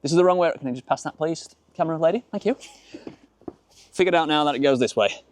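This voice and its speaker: In and around a small open-top car outdoors, a Yorkshire-accented man hosts a casual car vlog full of colloquial British slang. His voice is a little high and quick, and the recording is noisy with car and outdoor ambience.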